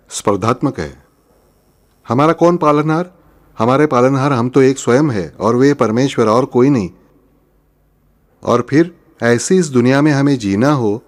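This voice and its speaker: Man giving a storytelling sermon. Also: medium pitch. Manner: explanatory, storytelling, asks and answers his own questions. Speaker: spiritual teacher. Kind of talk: Hindi religious discourse.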